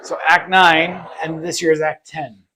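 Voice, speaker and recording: Low-voiced woman in casual chat. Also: little pitch movement, a little slow, crowd noise. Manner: casual, joking, reads whiskey labels aloud. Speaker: co-host.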